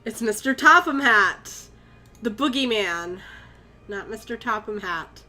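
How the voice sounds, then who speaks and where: Her mid-range voice is expressive and unhurried with a sharp tone as this young woman from Connecticut plays a horror game on stream. She's jumpy, swears, and keeps up a conversation with chat during her live commentary.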